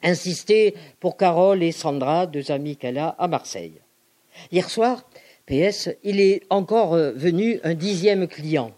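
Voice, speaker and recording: A woman giving an expressive, outspoken dramatic reading of letters. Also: fairly low pitch, measured pace. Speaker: reader.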